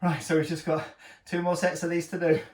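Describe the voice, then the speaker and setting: A male fitness trainer, winded from the workout, coaches his viewers through each exercise with upbeat encouragement and wry jokes. His voice sits a little high and reaches the mic from a distance. The room around him rings with echo. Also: level tone, fairly quick. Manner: encouraging, joking, breathing hard between exercises. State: out of breath. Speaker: personal trainer. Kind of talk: talking through a home workout.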